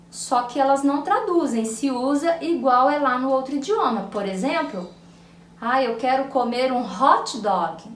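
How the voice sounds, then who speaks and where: A woman's voice: a little high, echoey room, recorded from a distance, slight background noise. A Brazilian woman teaching an English reading lesson, patiently explaining and reading word pairs aloud. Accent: Brazilian Portuguese. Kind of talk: recorded online lesson.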